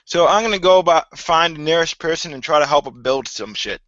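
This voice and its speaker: A man's voice: fairly high pitch, expressive, fairly quick, fairly bright tone, no room sound, dull audio. Blunt, casual man playing a tabletop game. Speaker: player. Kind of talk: tabletop role-play, in character.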